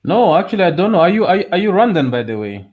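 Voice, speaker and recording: A man's voice: sits high, big pitch swings, fast, darkish tone. A man appearing as a guest on a live show, speaking casually and hesitantly, often restarting his sentences. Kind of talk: casual conversation.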